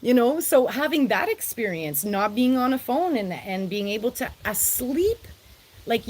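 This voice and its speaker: Bubbly, rambling woman, slightly high voice. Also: darkish tone, a little hiss or hum. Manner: effusive, rambling, quick to laugh. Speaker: spiritual vlogger and social worker. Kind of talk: live-streamed casual talk. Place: outdoor deck.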